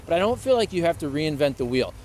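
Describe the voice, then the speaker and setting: A man in his late thirties co-hosting a podcast in relaxed, chatty conversation. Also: a little high, fast talker, a little hiss or hum. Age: 30s. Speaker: podcast co-host. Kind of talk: casual chat.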